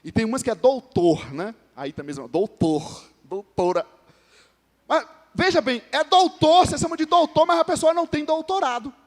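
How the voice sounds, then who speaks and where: A man with a Brazilian Portuguese accent preaches in a strikingly high voice. He keeps turning to the congregation with questions and teases members by name. His words carry a long reverberant tail from the church hall. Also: lively intonation, normal speed. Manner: conversational preaching with frequent calls to the congregation; jokes with named members of the congregation. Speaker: pastor. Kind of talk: sermon.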